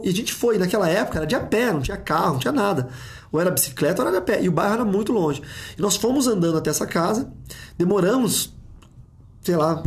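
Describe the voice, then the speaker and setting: A man with a Brazilian Portuguese accent, a pastor telling a vivid testimony, full of restarts and repeated words. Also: high voice. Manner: lively, vivid retelling with many restarts. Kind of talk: testimony storytelling.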